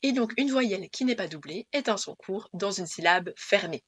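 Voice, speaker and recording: A woman teaching Dutch pronunciation to camera, patiently repeating the rules in a clear way. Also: mid-range voice, lively intonation, normal speed.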